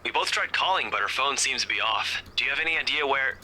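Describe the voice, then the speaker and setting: An earnest, worried young friend. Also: male voice, mid-range voice, expressive, fast talker, sharp tone, slight background noise, low-quality recording. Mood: serious. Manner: serious, earnest, teasing at times. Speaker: game character. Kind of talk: game voice acting.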